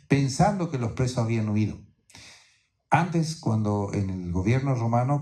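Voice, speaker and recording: A man's voice: mid-range voice, dark tone. A man preaching a sermon in Spanish to his congregation, teaching as he goes and often checking in with "¿no es cierto?". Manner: teaching tone, keeps asking "¿no es cierto?". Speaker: pastor. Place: church in New York.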